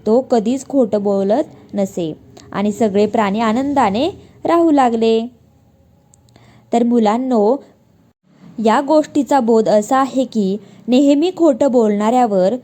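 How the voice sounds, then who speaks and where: A woman narrating a moral story for young children in a gentle, expressive way. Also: a little high, takes it slowly.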